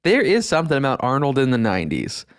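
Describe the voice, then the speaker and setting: A man's voice: medium pitch, huge pitch swings, quick pace, no echo. A man hosting a podcast, chatting in an enthusiastic, easygoing way and laughing easily, on a close studio mic. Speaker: podcast host. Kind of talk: casual podcast chat.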